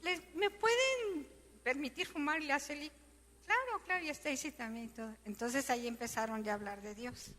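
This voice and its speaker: Middle-aged woman, church testimony, higher voice, long hall reverb, emotional and animated. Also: moderate pace, slight background noise. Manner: emotional, animated storytelling with quoted dialogue. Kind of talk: personal testimony.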